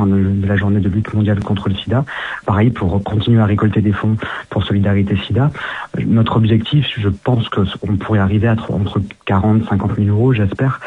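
A man from France, a guest in an interview, answering quickly and earnestly with many restarts, heard down a phone line. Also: on the low side, breathy edge. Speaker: guest, social media activist.

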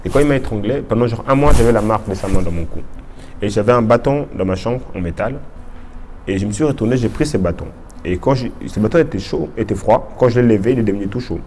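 Fast-talking young man giving a testimony. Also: on the low side, animated, a little mellow, a little hiss or hum. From Congo. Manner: informal, restarts sentences often. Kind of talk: personal testimony.

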